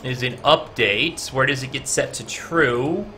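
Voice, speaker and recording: On a live coding stream, a man with a medium-pitched voice works on his game at a measured pace, guessing and talking his reasoning through with many "uh"s. He chats with viewers in between explaining code, and there's slight hiss or hum.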